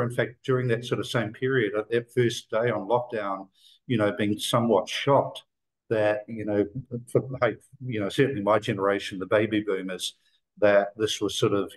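An older New Zealand man, a guest on a video call from an indoor office room, rambles in an easy conversational way full of fillers, restarts and small detours. His voice is lowish and the recording is low quality.

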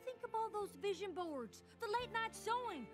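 A hardworking, down-to-earth young woman talks in a firm, plain-spoken way. Her high voice moves lively up and down. Music sounds behind her. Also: moderate pace. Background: background music.

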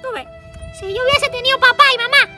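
A performer voicing a sulky, cocky little cartoon boy, whiny and dismissive, over loud music. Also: very high-pitched, quick pace.

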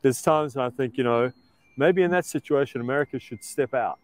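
A man's voice: medium pitch, brisk. A man musing hesitantly in a street interview.

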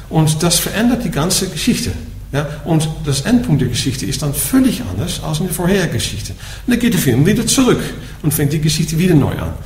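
Slightly high and darkish in tone, this Dutch-accented man's voice carries a dharma talk in German to a group. He patiently explains Buddhism, asking "ja?" after almost every point. The recording picks up an echoey room and faint background noise.

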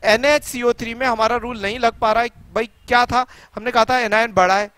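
A man's voice: very high-pitched, steady tone, a little fast, sharp tone. A middle-aged man from India giving a chemistry lecture, quizzing his students with rhetorical questions and repeating key points for emphasis. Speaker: chemistry teacher. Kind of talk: classroom lecture.

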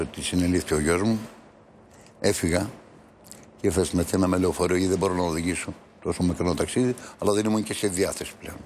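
A man's voice: deep voice, darkish tone, a little hiss or hum. An older man, a priest and father, earnestly recounting a painful family story on a television talk show. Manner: earnest storytelling, acting out quoted dialogue. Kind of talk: emotional personal account on a talk show. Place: television studio.

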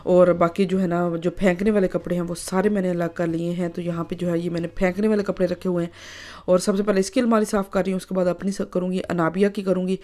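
Lady in her 30s vlogging chores, rambly filler-heavy chat, a bit low. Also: little pitch movement, fast talker, a little mellow. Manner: chatty, many filler phrases. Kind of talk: casual vlog narration.

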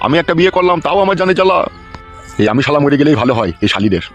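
A man's voice: on the high side, very animated, very fast, fairly bright tone, faint music behind. A man doing a ranting exasperated village dad. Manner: ranting, foul-mouthed. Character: exasperated older village father, cursing. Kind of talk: cartoon comedy dub.

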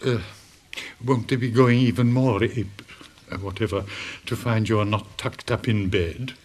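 In a radio drama, a man plays an elderly, weary schoolmaster who is courteous and drily ironic. His voice sits on the low side, steady and unhurried, and he speaks formally and with hesitation.

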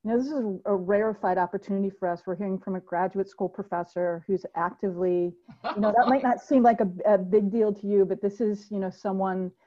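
A woman's voice: medium pitch, steady tone, fairly quick. A woman hosting a speaker series over a video call, talking in an engaged, discursive way. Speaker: host, political science professor. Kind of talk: moderating a video-call talk. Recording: muffled lo-fi video call audio.

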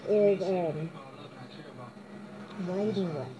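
A woman's voice: fairly low pitch, extremely slow, muffled recording, background noise. A young woman talking casually through a gas mask, rambling with lots of fillers. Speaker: vlogger. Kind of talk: casual chat to camera. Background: music playing.

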